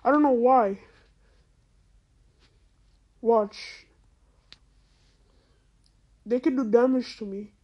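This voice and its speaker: Heard through a voice changer, this gaming host sounds female and sits at a medium pitch, drawing out words and leaving long pauses on a muffled recording. They comment on the game casually, exclaiming, sounding incredulous, and repeating slangy phrases.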